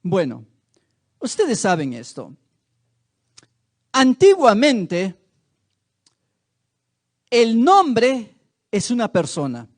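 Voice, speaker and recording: A male preacher with a high, very lively voice delivers a sermon in a church. He speaks slowly and tells the story dramatically. He often turns to the congregation with rhetorical questions.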